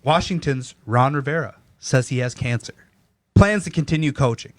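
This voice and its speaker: A man's voice: mid-range voice, normal speed, dry recording. Young man reading sports headlines. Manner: reads news items then riffs, teasing. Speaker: podcast host reading headlines. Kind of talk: casual sports podcast banter.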